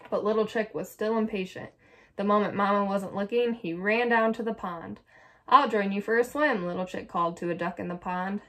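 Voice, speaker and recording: A young adult woman reading a children's picture book aloud with clear, soft storytelling narration. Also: mid-range voice, steady tone, brisk. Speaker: storybook reader.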